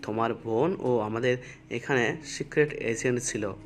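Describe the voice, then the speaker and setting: Male actor as a cautious middle-aged officer in an audio drama, grave and steady. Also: mid-range voice, moderate pace, a little hiss or hum, natural voice.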